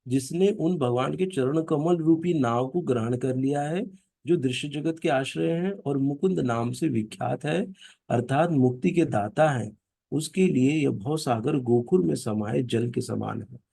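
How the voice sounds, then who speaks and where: A man's voice: medium pitch, a little slow, gravelly, warm tone, husky, no room sound, studio quality. A man leading a scripture class for families, explaining verses through stories and often asking his listeners "right?". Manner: storytelling, asks "ना?" and "हाँ?" to check listeners follow.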